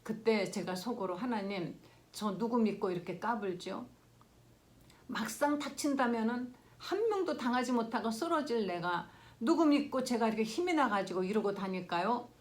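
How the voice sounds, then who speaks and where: An older woman pastor preaching a sermon in an earnest storytelling way, swinging between loud exclaiming and hushed whispers. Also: a little high.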